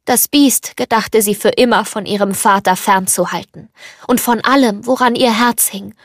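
A woman giving a calm, scripted storybook narration. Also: mid-range voice, moderate pace, dry recording, studio quality.

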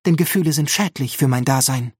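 A toneless nurse robot woman, as a male narrator plays her, raised a little in pitch and flat in delivery. She states grim jokes in a clinical deadpan, in a dry, slightly husky close reading. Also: fairly quick, no echo, natural voice. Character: deadpan female nurse robot, dark humor.

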